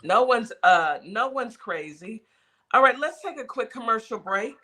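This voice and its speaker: Emphatic talk show host, bright voice. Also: medium pitch, expressive, a little slow. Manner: emphatic, repeats points for weight. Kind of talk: casual radio talk show chat.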